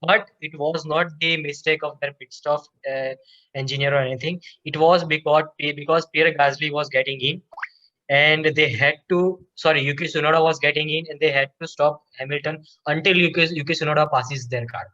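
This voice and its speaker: A man's voice: fairly high pitch, steady tone, normal speed, bright, forceful tone, dull audio. A man co-hosting a casual race review podcast, chatty, laughing often and restarting his sentences. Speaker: podcast co-host.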